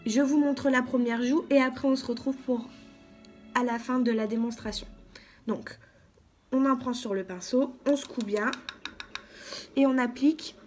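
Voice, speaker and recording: A woman giving a calm, step-by-step makeup tutorial as a beauty vlogger, often saying "donc" and "voilà". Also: high-pitched, normal speed, pauses often, soft background music.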